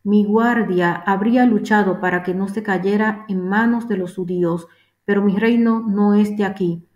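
A woman reading the words of a calm, authoritative male religious teacher in a measured voice, in a roomy space. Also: medium pitch, highs cut off, lightly acted. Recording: roomy echo.

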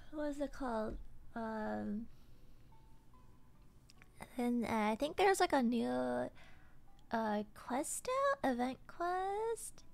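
A woman's voice: high voice, creaky, darkish tone. A woman streamer chatting casually with her viewers, tired and yawning, hesitant with lots of fillers and giggles. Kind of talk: casual chat with live chat.

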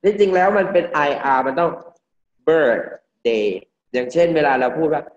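A male English teacher from Thailand giving a classroom pronunciation lesson, drilling words slowly and repeating each one for the class. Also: fairly high pitch. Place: classroom with students. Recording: dull lo-fi classroom recording.

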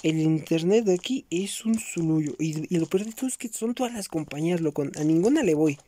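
A young man with a Mexican accent, chatting casually with his viewers while he plays, slangy and swearing, with sudden loud outbursts at the game. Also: on the high side, a little fast, slight background noise. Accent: Mexican Spanish. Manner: slangy and swearing, keeps saying bros. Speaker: gaming YouTuber. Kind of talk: casual gameplay commentary vlog.

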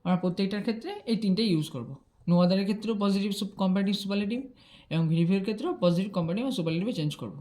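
A woman with a mid-range, mellow voice delivers rapid-fire explanations of grammar rules, going step by step. The English grammar teacher remains patient, checks in with "ঠিক আছে?", and mixes English terminology into Bengali.

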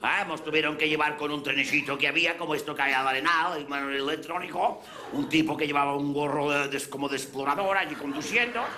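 A man with a Mallorcan accent speaks on the high side, fairly quickly, with a pushed, bright voice. Playing a character on a café stage, he delivers a crude, rambling stand-up monologue as a brash storyteller, and the live audience laughs throughout.

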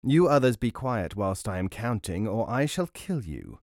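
A man voicing a murderous, menacing robber who threatens and counts slowly. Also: fairly low pitch, very animated, a little mellow, no echo, studio quality.

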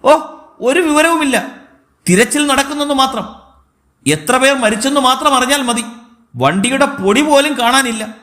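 Guy doing a chatty curious driver, high bouncy voice. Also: expressive, moderate pace, long pauses, sharp tone, heavily acted. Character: curious talkative male car driver.

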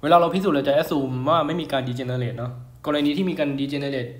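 A man's voice: mid-range voice, moderate pace. Chatty young man teaching physics. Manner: chatty, keeps checking in with the listener. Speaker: physics tutor. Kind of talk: casual lecture over a whiteboard. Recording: roomy echo.

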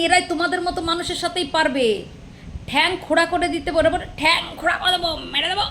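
Woman ranting at the camera, high sharp voice, taunting and sarcastic. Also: a little hiss or hum. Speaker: vlogger. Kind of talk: angry rant to camera.

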